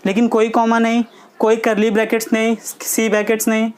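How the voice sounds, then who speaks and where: A woman's voice: fairly high pitch, little pitch movement, brisk, a little mellow, clean tone. Woman teaching physics in a questioning style. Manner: asks the class questions and answers them herself; checks understanding with short tags like "theek hai". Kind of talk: classroom lesson at a board.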